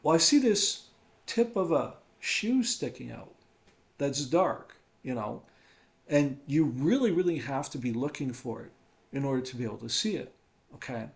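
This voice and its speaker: A man's voice: medium pitch, big pitch swings, moderate pace, creaky. A man in a home living room, casually telling a personal testimony, rambling and checking in with "right?" and "okay?".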